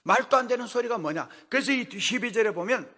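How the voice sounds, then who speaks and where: A man's voice: extremely high pitch, animated, brisk, bright, forceful tone. A middle-aged man, a pastor, preaching a sermon with folksy storytelling to a congregation in a large worship hall. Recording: long hall reverb.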